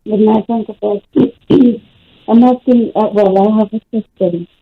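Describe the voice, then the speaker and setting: A woman calling in to a radio show, her phone on speaker and held away so she sounds faint and distant, speaking haltingly. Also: mid-range voice, steady tone, slightly rough. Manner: halting, hesitant. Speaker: caller. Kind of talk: call-in radio question. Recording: dull lo-fi phone line.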